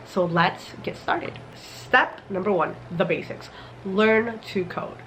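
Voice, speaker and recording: A woman's voice: mid-range voice, slow pace, fairly bright tone. Slightly congested woman over background noise. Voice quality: slightly muffled, congested from a cold. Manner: casual, step-by-step explaining. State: recovering from a cold. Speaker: software engineering YouTuber. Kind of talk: instructional talk to camera.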